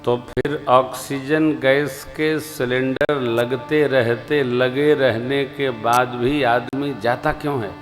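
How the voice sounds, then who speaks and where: Male devotional preacher, slow and emphatic delivery, sung scripture lines, faint music in the background. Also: medium pitch, steady tone. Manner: slow, emphatic, swings between soft asides and loud rising exclamations; chants verses of scripture in a drawn-out singsong. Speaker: Ram Katha preacher. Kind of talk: devotional sermon.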